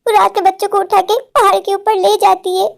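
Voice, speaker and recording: Lady doing a clingy worried cartoon mom, super high voice, keeps saying my darling. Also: flat delivery, a little fast, vocal fry. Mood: tender. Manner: doting, insistent, says "meri jaan". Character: anxious, possessive village mother. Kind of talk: Hindi cartoon voice acting.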